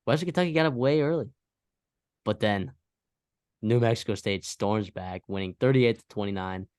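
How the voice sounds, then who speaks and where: A man's voice: on the low side, moderate pace, darkish tone, clear, resonant tone, no echo, clean studio sound. A man co-hosting a college football podcast, talking casually and rambling through scores with fillers and restarts. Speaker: podcast co-host. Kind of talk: casual sports chat.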